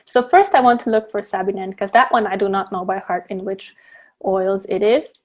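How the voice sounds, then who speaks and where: A woman's voice: mid-range voice, normal speed. A woman teaching a live online class on blending essential oils. She explains step by step, with frequent fillers and restarts, over a video call. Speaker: guest presenter teaching essential oil blending.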